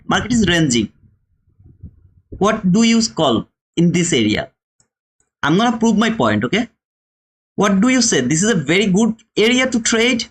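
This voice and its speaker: Hosting a live trading lesson on his livestream, this trading teacher talks to viewers in a high, slightly bright voice with a breathy edge and a Bangladeshi accent. His instructional commentary is emphatic, full of repeated phrases and rhetorical questions.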